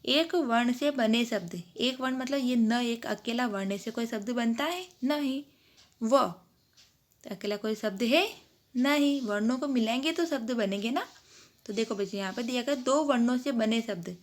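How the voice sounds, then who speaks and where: A woman's voice: a little high, normal speed. A woman teacher giving a grammar lesson to children, drawing out example words and asking the class questions.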